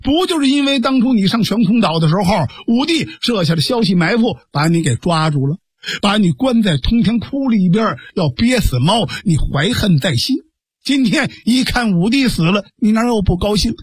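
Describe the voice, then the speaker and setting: A man voicing a blunt, hot-tempered middle-aged swordsman in traditional storytelling, gruff and needling. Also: sits high, animated, moderate pace, dry recording, studio quality. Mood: accusing.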